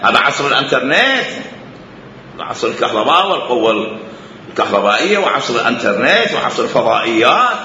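A man's voice: on the high side, sharp tone, slight background noise. A man with an Iraqi accent giving a religious lecture, emphatic and repeating phrases for stress. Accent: Iraqi Arabic. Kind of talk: lecture on Islamic jurisprudence. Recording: echoey hall, dull lo-fi sound.

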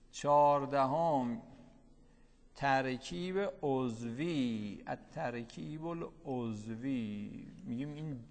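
A man's voice: mid-range voice, vocal fry. Lecturing man in a reverberant hall. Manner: keeps asking students rhetorical questions and answering them; reads out a line of the text, then explains it in colloquial speech. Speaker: teacher. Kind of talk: classroom lecture.

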